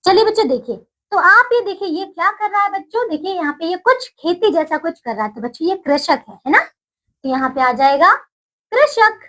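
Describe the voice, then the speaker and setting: A woman teaching a Hindi lesson to young children, slow and sing-song, stretching each new word with a lift in her voice. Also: very high-pitched, lively intonation, pushed and bright, poor audio. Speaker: primary school Hindi teacher.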